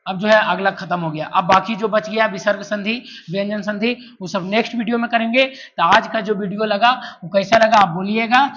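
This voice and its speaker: A man's voice: high voice, fairly even intonation, brisk, a bit bright, slight background noise. A man teaches a grammar lesson, repeating syllables again and again and answering his own questions as he goes. The recording has a dull, lo-fi sound. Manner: repetitive, drills sounds aloud, asks and answers himself. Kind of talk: classroom-style lesson.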